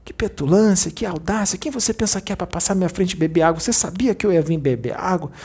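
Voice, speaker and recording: A man's voice: high voice, fast talker, darkish tone, breathy edge, voice pushed up. A man voicing an arrogant rich man who scolds someone indignantly.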